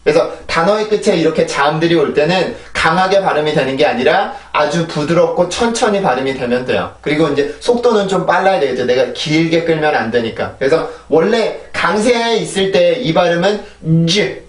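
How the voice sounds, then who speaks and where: A man with a fairly high voice teaches English pronunciation. He explains patiently and models each drill word three times in a row. The sound is roomy and echoey, with the voice set a little back from the mic. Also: lively intonation, a little fast, few pauses, far from the mic. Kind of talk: recorded video lesson, explaining and modeling sounds.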